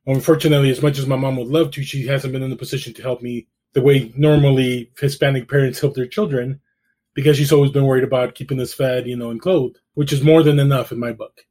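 A man's voice: medium pitch, fairly even intonation, quick pace, dark tone. Middle-aged man from El Salvador. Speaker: guest, realtor. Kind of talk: casual interview storytelling.

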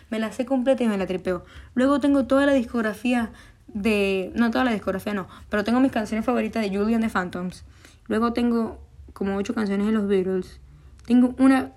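A woman's voice: on the high side, a little mellow. A young woman from Venezuela with a Venezuelan Spanish accent, chatting casually on her own show, rambling with frequent restarts and casual swearing. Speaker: podcast host. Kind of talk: casual solo chat.

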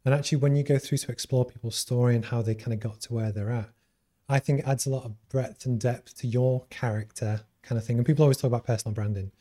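Fast-talking Scouse host with a mellow voice. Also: male voice, mid-range voice, steady tone. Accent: light Scouse. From Liverpool, England. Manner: rambling, uses many fillers. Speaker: interview host. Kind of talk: live-streamed business interview.

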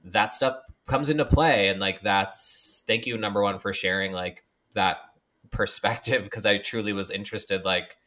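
A podcast co-host with a fairly low, pushed, bright voice talks at a moderate pace in casual chat. He's playful and chatty, and his speech is loaded with fillers.

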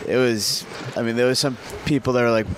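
A man with a slightly softened Boston accent, giving hesitant, understated answers in a casual interview. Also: mid-range voice, steady tone, brisk, a crowd in the background. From Boston, USA. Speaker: hockey player guest.

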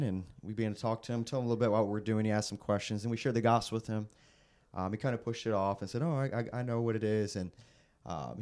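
A young man, a traveling evangelist, telling a story in a relaxed conversation and laughing as he goes. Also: lowish voice. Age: young adult. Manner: animated storyteller, laughs at his own tale. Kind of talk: casual storytelling in a podcast conversation.

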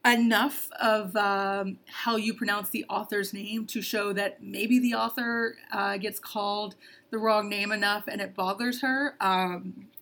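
Woman, casual book chat, bright voice, dry sarcastic asides. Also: mid-range voice, steady tone, measured pace. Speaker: book club podcast co-host.

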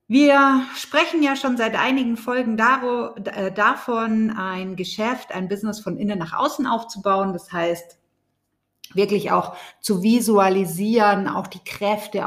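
Slow-talking woman podcast host. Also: medium pitch. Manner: speaks off the cuff with fillers, warm direct address. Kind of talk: spontaneous spiritual business podcast talk.

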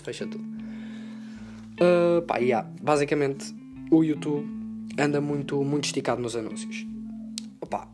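A man with a European Portuguese accent rattles through a loose, profane solo monologue, hopping between jokes and gripes. He talks at a quick clip, and plucked guitar music plays clearly underneath him. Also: on the high side. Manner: rambling, profane, joking rant. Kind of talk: casual rambling monologue.

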